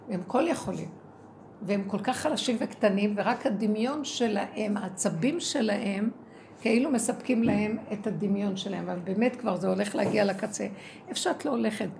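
A woman giving an impassioned spiritual testimony. She is emotional and swings from low murmurs to loud cries, acting out inner dialogue in quoted speech. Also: vocal fry, slight background noise. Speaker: speaker in a religious talk.

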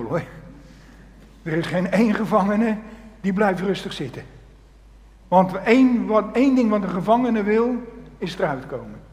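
A high-voiced man preaches a sermon at a slow, deliberate pace. He tells the story with animation and swings from loud to hushed. His voice rings with the long reverb of a church hall.

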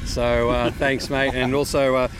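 Australian man chatting over clear outdoor noise. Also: level tone, a little slow. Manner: informal, matey, effusive thanks. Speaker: podcast co-host. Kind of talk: casual chat. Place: outdoors at an air show. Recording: noisy outdoor site with engine rumble.

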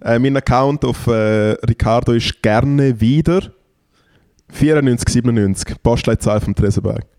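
A man with a Swiss German accent chatting casually as a podcast co-host, often halting and repeating his words. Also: mid-range voice, darkish tone.

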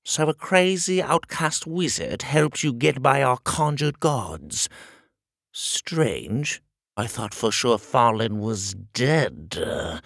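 A man voicing a tiny, arrogant king with a strange, shrill voice who snarls at everyone. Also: lively intonation, slow, gravelly, fairly bright tone, no echo, studio quality, exaggerated voice. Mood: contemptuous.

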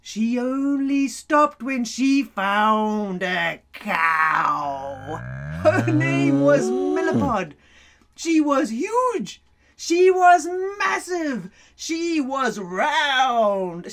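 A woman reading a children's story aloud in an animated way, laughing often and dropping to whispers. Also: fairly high pitch, extremely slow.

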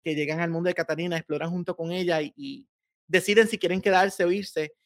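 A man, an author being interviewed on a podcast, talking in an animated and emotional way. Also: a little high, fairly quick, dry recording, studio quality. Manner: emotional, animated, laughs often. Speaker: author guest.

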